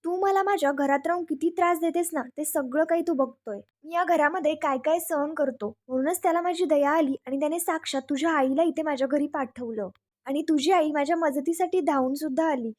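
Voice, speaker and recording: Brief: smug, teasing young husband, needling tone, read by a high-voiced woman. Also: a little fast, a little mellow, lightly acted. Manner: mocking, needling.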